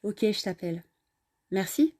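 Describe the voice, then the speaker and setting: A woman voicing a young female student who is blunt and quick-tempered, with exasperated sighs. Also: mid-range voice, expressive, a little mellow. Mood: relieved. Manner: exasperated, sighing. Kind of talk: storytelling voice acting.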